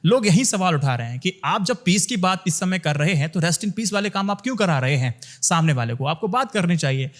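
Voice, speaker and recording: A man's voice: high-pitched, lively intonation, a little fast, hardly any pauses. Hindi-speaking man giving opinionated commentary. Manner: rhetorical questions, addresses viewers directly. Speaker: news commentator. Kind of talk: opinionated news commentary to camera.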